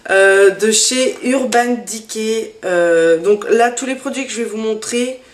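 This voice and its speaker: A woman's voice: a little high, measured pace, roomy sound. A woman vlogger chatting casually through a makeup haul, hesitant, with many fillers. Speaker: beauty vlogger.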